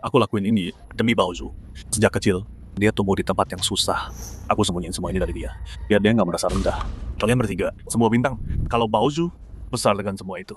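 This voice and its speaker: A man voicing a gentle, protective adoptive father who speaks calmly and patiently. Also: on the low side, fast talker, a little hiss or hum, natural voice. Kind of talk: dubbed drama acting.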